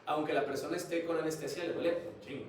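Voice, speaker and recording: A man's voice: a little high, fairly even intonation, fast talker. A man giving a classroom lecture, chatty and always asking the students questions. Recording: echoey classroom, mic far off, noisy.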